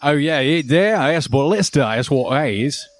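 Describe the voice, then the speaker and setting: A man voicing a friendly fort guard who rambles in a halting way and keeps saying "hey" and "uh.". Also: fairly high pitch, lively intonation, pitched above the performer's own voice, lightly acted. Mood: folksy, eager. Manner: chatty and halting, full of "hey" and "uh".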